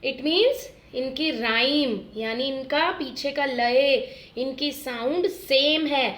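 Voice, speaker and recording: A woman teacher giving a phonics lesson to young children, sounding out rhyming words slowly and repeating them in drills. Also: high-pitched, a bit bright, reverberant. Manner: slow, drawn-out word drills addressed to children as "beta". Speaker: primary school teacher.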